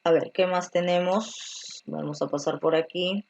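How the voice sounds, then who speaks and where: A woman's voice: on the low side, steady tone, measured pace, gravelly, darkish tone, highs cut off. A woman teaching an online grammar class, explaining step by step and checking in with frequent tag questions. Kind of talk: virtual grammar lesson.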